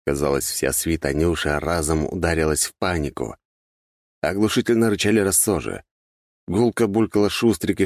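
Deep-voiced male audiobook narrator. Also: no room sound, clean studio sound. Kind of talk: first-person audiobook narration.

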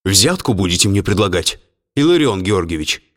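A man voicing a nervous middle-aged lawyer. He is flustered and jumpy and keeps dropping into a hushed tone. His voice swings widely in pitch. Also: big pitch swings, normal speed.

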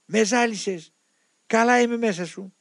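A man voicing a male demon possessing a monk, shouting threats and mockery. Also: high-pitched, dry recording, studio quality, voice pushed up. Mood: furious.

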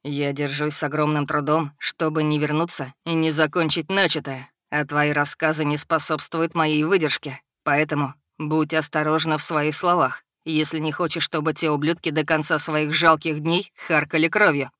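Woman voicing a low rumbling dragon man. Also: flat delivery, moderate pace, few pauses, fairly bright tone, no room sound, studio quality. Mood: seething. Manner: cold, level, threatening. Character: menacing calm male dragon shapeshifter. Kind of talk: audiobook character voice.

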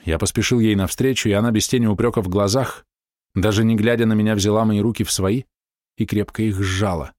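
Guy reading a novel out loud, lowish voice, dry close sound, lots of feeling. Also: fairly even intonation, a little fast, dry recording. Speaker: narrator. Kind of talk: first-person audiobook narration.

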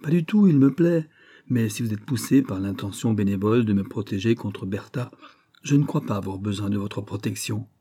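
A man reading an audiobook, voicing a poised young society woman who speaks in a measured, lightly ironic way, with a husky voice. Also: on the low side, mellow. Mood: cool.

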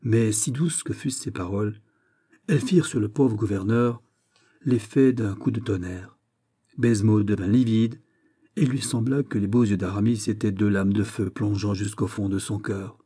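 A man reading a classic novel aloud in a measured, steady storytelling manner. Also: fairly low pitch, husky. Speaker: audiobook reader. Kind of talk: literary audiobook narration.

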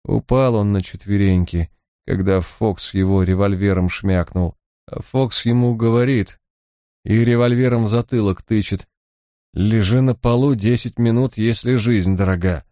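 A man voicing a hard-faced female thief who talks flatly and bluntly. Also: on the low side, measured pace, no echo, studio quality. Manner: flat, blunt and matter-of-fact.

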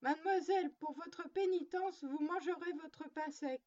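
A woman's voice: high-pitched, normal speed, a little mellow, dull audio, natural voice. A woman doing a stern little girl playing mother. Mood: scolding. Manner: stern, scolding. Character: strict little girl scolding her doll like a mother.

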